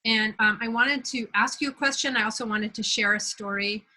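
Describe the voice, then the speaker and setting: A woman from Belgium hosting a conversation, telling a personal story in a reflective, unhurried way. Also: a little high, fairly even intonation, bright, forceful tone, rough recording. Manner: reflective, unhurried, searching for words. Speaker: host.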